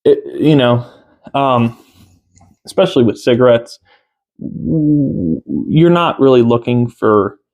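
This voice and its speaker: A man in his thirties with a mid-pitched voice talks casually to a camera in a room at home. He reviews in an unhurried, halting way, often pausing partway through a sentence. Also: a little mellow. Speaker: tobacco reviewer. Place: small room at home, indoors.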